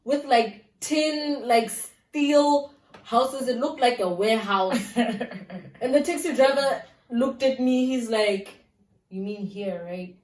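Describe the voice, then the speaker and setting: Woman vlog co-host, animated storyteller, higher voice, roomy distant sound. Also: slow pace. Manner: animated, acts out quotes. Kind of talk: casual storytelling to viewers. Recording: echoey room, mic at a distance.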